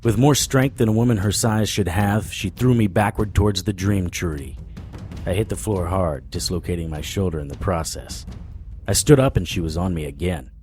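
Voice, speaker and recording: This man's low, darkish voice stays close to how he'd normally talk, moving at an ordinary speed with soft music underneath. He tensely narrates as a haunted, dogged supernatural investigator speaking in first person for a hard-boiled audio drama.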